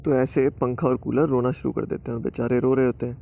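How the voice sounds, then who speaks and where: A man's voice: medium pitch, level tone, quick pace, vocal fry, warm tone, muffled recording, slight background noise. A man narrating a children's bedtime story in a casual, conversational way. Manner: casual, conversational, mixing in English words.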